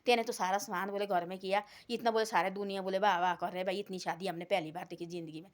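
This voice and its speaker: A woman's voice: medium pitch, fairly even intonation, quick pace, close to an everyday voice. A woman voicing a worried, scolding village mother in a devotional story. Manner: scolding then pleading.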